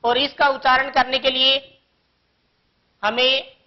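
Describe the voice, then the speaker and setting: Slow, high-voiced woman teaching grammar. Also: flat delivery, lo-fi sound. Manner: slow, patient explaining with many examples. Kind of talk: grammar lesson for young children.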